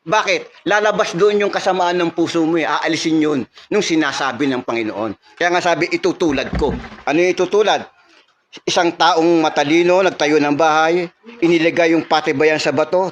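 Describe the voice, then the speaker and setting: Earnest male preacher, slightly higher voice. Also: slight background noise. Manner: earnest, rising into emphatic teaching. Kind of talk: sermon.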